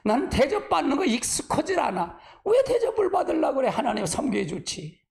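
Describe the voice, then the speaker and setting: A man's voice: extremely high pitch, huge pitch swings, fairly quick, creaky. A man preaching to a congregation as pastor, chatty and homespun, sighing often and calling on the listeners to answer back. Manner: asks the congregation for responses. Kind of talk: sermon.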